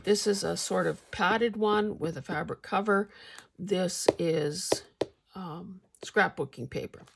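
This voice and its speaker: An older woman hosting a casual craft vlog, speaking haltingly with a husky, gravelly voice, slightly mouth-full as if sucking a candy. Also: lowish voice, noisy background. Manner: halting, hesitant delivery with pauses. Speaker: craft channel host.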